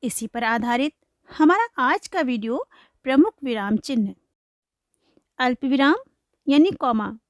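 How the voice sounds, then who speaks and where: A woman teaching a grammar lesson for children, slowly explaining and reading example sentences aloud. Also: high voice, lively intonation, dry recording, clean studio sound. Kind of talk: classroom-style lesson for children.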